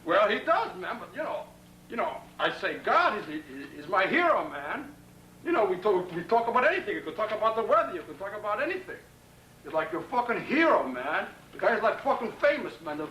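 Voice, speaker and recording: A man from Brooklyn, New York, with a Brooklyn accent, rambles profanely to a pen pal on a 1990 home camcorder tape, filmed on a tripod in his apartment bedroom. He boasts, makes threats, stutters through restarts and says "man" constantly, in a high-pitched, sing-song, slightly fast voice with a sharp tone. The tape sounds roomy and distant, with hiss.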